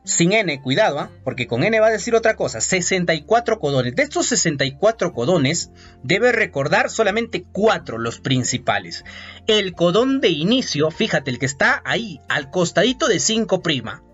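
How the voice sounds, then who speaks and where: A man teaching biology in a lively, playful lecture, quizzing students with mnemonics. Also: sits high, moderate pace, husky. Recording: muffled audio with faint music.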